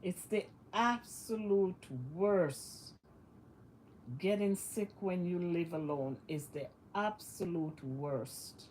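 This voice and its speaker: Poor audio with a bit of hiss or hum captures a West Indian woman vlogging casually to camera. Her fairly low, slightly mellow voice moves slowly and sounds congested and nasal from illness, and she repeats phrases to stress her points.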